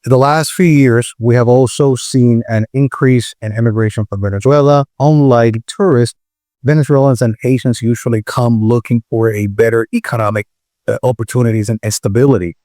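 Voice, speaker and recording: A man from the Republic, hosting his own channel and explaining in a measured way with frequent pauses. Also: medium pitch, fairly even intonation, dark tone, no room sound, clean studio sound. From Dominican Republic. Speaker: video host. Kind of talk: explanatory commentary.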